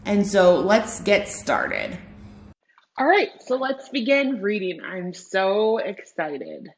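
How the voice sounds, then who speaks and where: Taking it slowly, this woman speaks in a mid-range voice with big pitch swings, and there is slight background noise. She is a teacher reading a picture book aloud to kids, explaining words and regularly asking the young listeners questions directly.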